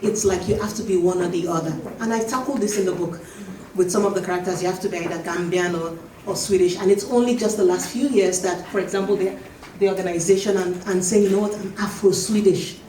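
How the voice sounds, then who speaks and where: A woman author on a panel, answering an audience question in a reflective, emphatic way, slowing down to stress her points. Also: fairly low pitch, fairly even intonation, mellow. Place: event hall. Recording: echoey hall, distant mic, faint noise.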